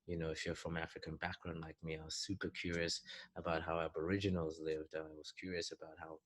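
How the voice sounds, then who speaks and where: A man's voice: extremely low pitch, level tone, quick pace, a bit bright, slight background noise. A middle-aged man from Zambia, a business coach, giving earnest advice to young people in a talk and thinking aloud as he goes. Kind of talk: recorded advice talk for a youth summit.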